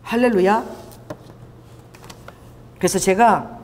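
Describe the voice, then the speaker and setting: A middle-aged woman pastor preaching a sermon, telling stories with lively delivery and acting out dialogue. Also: medium pitch, slow. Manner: animated storytelling, acting out dialogue. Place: church sanctuary. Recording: church hall reverb.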